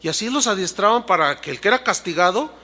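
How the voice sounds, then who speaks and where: Man pastor, animated storytelling sermon, high pitch, bright forceful tone. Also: fast. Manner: animated storytelling, acting out scenes.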